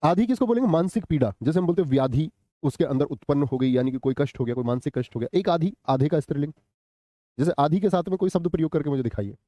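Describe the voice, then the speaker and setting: A man's voice: a little high, lively intonation, fast talker, mellow, no echo, clean studio sound. A man teaching a live online Hindi grammar class, asking questions, answering them himself and replying to chat comments. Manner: quizzes students, answers his own questions.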